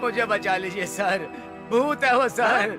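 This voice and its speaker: A man's voice: high voice, slow, over music. A terrified older man begging for help. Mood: panicked. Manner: begging in panic. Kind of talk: Hindi film dubbing.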